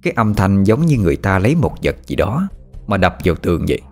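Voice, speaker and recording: A man's voice: low voice, big pitch swings, fast, a little mellow, faint music behind. A man narrating a ghost story with dramatic, suspenseful storytelling.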